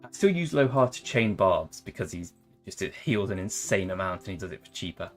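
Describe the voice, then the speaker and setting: A young man with a deep voice live-streams a strategy game, chatting casually, joking, and rambling while trying out silly accents. He speaks fairly quickly and very animatedly, with soft music in the background.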